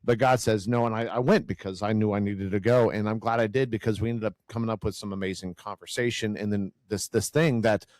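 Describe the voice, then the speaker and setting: In a casual conversation about faith, a man who calls his own voice growly and loud speaks earnestly, often repeating words while searching for the right ones. His voice is lowish and fairly even, and he talks fairly quickly with hardly any pauses. The recording has no echo.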